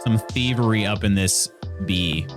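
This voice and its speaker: A man's voice: on the low side, unhurried. Jokey Midwestern American man streaming, music behind. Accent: American Midwest with some Southern. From Indiana, US Midwest. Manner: jokey, rambling, reading viewer comments aloud. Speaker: live game streamer. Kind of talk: casual live gameplay chat.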